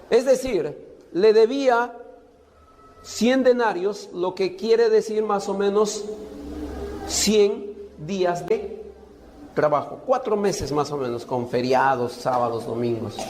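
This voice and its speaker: A man preaching in a high, unhurried voice, with long pauses between his phrases. He keeps putting questions to his listeners and then answering them himself. His voice rings out with a long reverb, as if he is in a large hall. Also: darkish tone. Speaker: pastor. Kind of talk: sermon.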